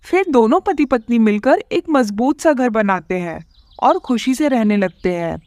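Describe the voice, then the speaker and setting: A woman narrating a cartoon story in an expressive, storytelling way. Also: fairly high pitch, measured pace, no echo.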